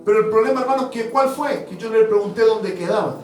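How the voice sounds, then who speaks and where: Male apostle, high-voiced fervent sermon; distant mic in a reverberant church, soft music under. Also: quick pace. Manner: fervent, addresses congregation as brothers, swings from loud to hushed. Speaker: apostle preaching. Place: church hall.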